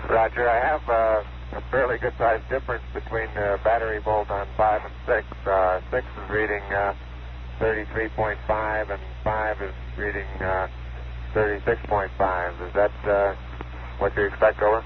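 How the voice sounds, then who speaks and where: A man with a low, level voice comes over a radio link, slowly reading off numbers with halting fillers. The channel is thin and tinny, buried in steady static. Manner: halting with fillers, clipped readouts. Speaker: astronaut reporting from a lunar lander. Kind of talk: radio procedure talk.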